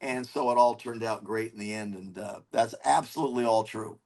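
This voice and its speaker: A man telling a comedy story in a casual interview, animated and swearing as he acts out his own lines. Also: on the low side, a little fast. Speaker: comedian guest.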